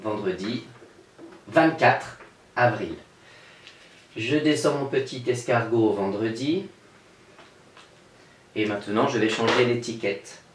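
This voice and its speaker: A man teaching young children in a remote class, speaking slowly and clearly as he writes letters on a board and sounds them out. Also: mid-range voice, roomy sound, a little hiss or hum. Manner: slow, clear, patient teacher talk, spelling out sounds. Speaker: kindergarten teacher.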